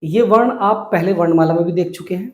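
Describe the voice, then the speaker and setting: A man teaching Hindi reading, slowly repeating and drilling syllables at a board. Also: sits high, darkish tone, reverberant. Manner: slow, repetitive drilling of syllables. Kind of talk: whiteboard reading lesson.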